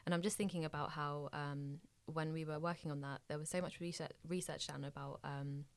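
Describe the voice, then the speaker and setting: A woman's voice: low-pitched, fairly even intonation, fairly quick. A young woman from Bangladesh co-hosting a podcast, talking in a thoughtful, reflective way and searching for her words. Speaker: podcast co-host. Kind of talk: casual podcast conversation.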